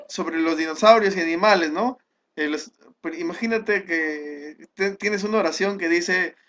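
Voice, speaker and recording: Male teacher, high-pitched, patient explainer, recorded class lesson. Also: a bit bright. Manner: explanatory, with frequent checking "¿ya?" and restarts.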